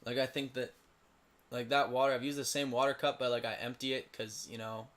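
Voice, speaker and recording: A hoarse, tired teenage boy commenting on a simulated lacrosse league late at night, rambling and mumbling with self-pity between plays. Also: medium pitch, little pitch movement, fairly quick, a bit bright. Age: teens.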